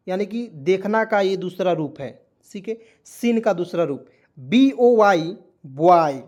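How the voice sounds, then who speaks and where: A man teaching English reading as a classroom-style lesson, spelling out letters, sounding words slowly and repeating them, often calling viewers his friends. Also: sits high, a little mellow. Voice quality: repetitive, addresses viewers as friends. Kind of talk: Hindi-language phonics lesson.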